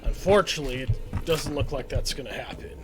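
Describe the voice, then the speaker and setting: A man's voice: mid-range voice, quick pace, over loud music. A man giving casual, chatty let's-play commentary as he plays through a shooter game, often chuckling at it. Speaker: gaming channel host.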